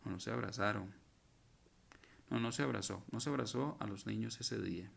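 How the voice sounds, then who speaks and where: Speaking at a normal speed, a man with a lowish, creaky, slightly rough voice teaches grammar on a recording. He takes the verb forms one at a time with patience and stops to point out typos and correct his own slips.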